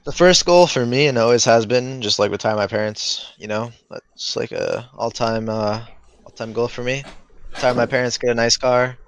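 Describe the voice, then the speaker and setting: Smooth-voiced teenage guy from Turkey. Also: mid-range voice, moderate pace. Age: teens. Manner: relaxed, hedging, lots of like and you know. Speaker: podcast co-host. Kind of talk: casual podcast chat.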